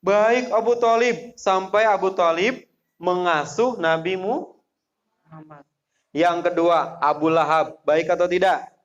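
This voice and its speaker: A man's voice: high voice, steady tone, takes it slowly. A man telling a religious story to teenagers, often quizzing them with repeated questions, on a dull lo-fi recording. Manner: asks the audience repeated questions.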